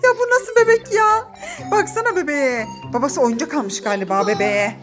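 A woman talks to the camera as a mother filming her children at home. She is playful and quick to exclaim and laugh, and her high voice leaps up and down as she narrates. Music plays under her voice. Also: expressive. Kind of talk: casual family vlog narration.

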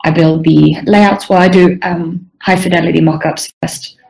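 A young woman from Sweden, a UI designer answering questions on a video call, chatty and rambling, often clearing her throat. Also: on the low side, fairly even intonation, normal speed, darkish tone, low-quality recording. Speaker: guest UI designer. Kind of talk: casual online Q&A.

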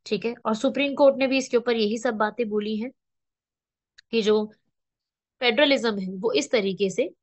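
A woman's voice: on the high side, normal speed, pauses often, dry recording. Teacher-like woman. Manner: explanatory, with frequent rhetorical questions and check-ins. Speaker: current affairs teacher. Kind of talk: exam-prep lecture. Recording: dull, dry lo-fi.

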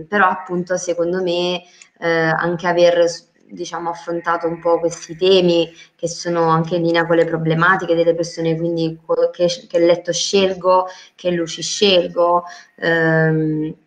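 A woman's voice: fairly low pitch, monotone, a little slow. A woman chatting casually as a guest on a live stream about interior design, hesitant with many fillers and restarts.

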